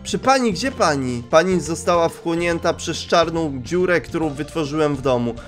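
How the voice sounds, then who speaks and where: A young man giving comic commentary while playing a game, excitable and squealing high when surprised. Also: normal speed, soft background music. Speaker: gaming youtuber. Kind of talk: comic let's play commentary.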